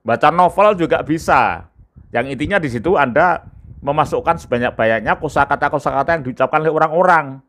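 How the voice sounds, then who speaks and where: A middle-aged man giving a spoken lesson on speaking skills, lively and emphatic, often filling pauses with short "ya" and "eh" sounds. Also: a little high. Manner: lively, emphatic, stretches key words; frequent filler "ya" and "eh". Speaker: communication trainer.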